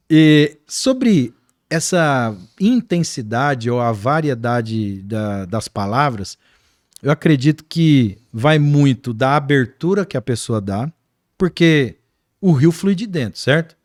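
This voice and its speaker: A man with a Brazilian accent, a guest pastor talking in an animated, preaching-like way on a podcast. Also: medium pitch, slow, dry recording, studio quality. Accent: Brazilian Portuguese. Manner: animated, acts out quoted voices.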